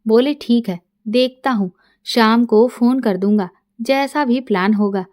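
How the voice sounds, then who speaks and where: Woman storyteller, middle-aged, fairly high voice, warm mellow tone, quiet even reading. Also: measured pace. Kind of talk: first-person story narration.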